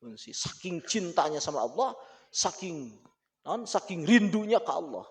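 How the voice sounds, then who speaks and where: A man with a Sundanese accent teaching an Islamic book study, animated and laughing often as he mixes languages. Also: a little high, normal speed. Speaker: religious teacher.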